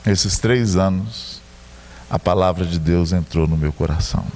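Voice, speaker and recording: A man's voice: sits low, measured pace, a little mellow, long reverb tail, voice pushed down. A man with a Brazilian Portuguese accent quoting a tearful woman, a former sex worker, confessing during a sermon.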